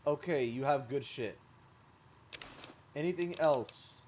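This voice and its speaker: A man's voice: mid-range voice, slow pace, a little mellow. Rambling male game streamer, noisy audio. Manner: rambling, self-correcting, sarcastic asides. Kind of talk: casual gameplay commentary.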